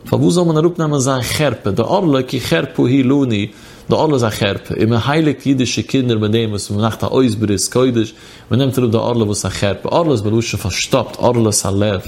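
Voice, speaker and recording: A man's voice: medium pitch, brisk, vocal fry, darkish tone. A man teaching a Talmudic study lesson, moving in a chanting study cadence between explanation and quoted texts. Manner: sing-song study chant, quoting texts. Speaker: Torah teacher.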